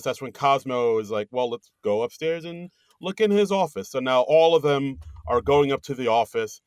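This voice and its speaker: A man co-hosting a podcast, casually retelling a film's plot and slipping into quick quoted voices. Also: mid-range voice, smooth, no room sound. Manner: retells scenes with quick put-on quotes and laughs. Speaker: podcast co-host. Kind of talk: casual movie recap chat.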